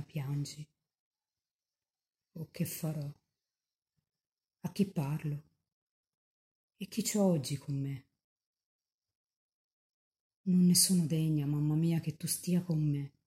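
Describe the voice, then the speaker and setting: A young woman mystic lost in rapture, as a nun reads her words aloud, pleading with Mary in a fervent, tender prayer. The voice sits low and mellow. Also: steady tone, slow pace, long pauses.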